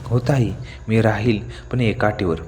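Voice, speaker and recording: A man's voice: fairly low pitch, steady tone, a little slow, darkish tone, long reverb tail, a little hiss or hum, lightly acted. A man voicing a mysterious, beautiful young female ghost in a horror story, with a sly, sweet-talking manner.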